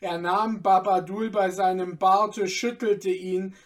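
A man reading a fairy tale aloud in a measured, deliberate narration. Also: high voice. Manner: deliberate, calm.

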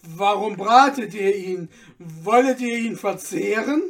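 Man doing a demanding servant, loud, impatient, fairly high voice, storybook. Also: unhurried, far from the mic. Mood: angry. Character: impatient, shouting male slave servant.

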